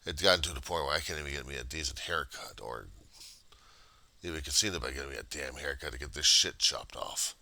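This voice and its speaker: A man giving a casual, profane confessional monologue in a halting, raw and emotionally weary way. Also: extremely low pitch, pushed and bright. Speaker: personal video diarist.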